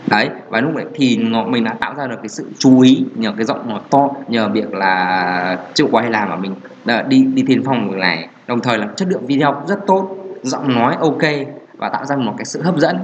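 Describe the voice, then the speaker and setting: A man's voice: medium pitch, fairly quick, hardly any pauses. A man talks through a solo podcast in a loose, rambling way. He stops often on fillers and restarts his sentences. The audio is a little dull, with a faint hiss of noise behind him. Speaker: podcast host. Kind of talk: casual solo podcast talk on marketing.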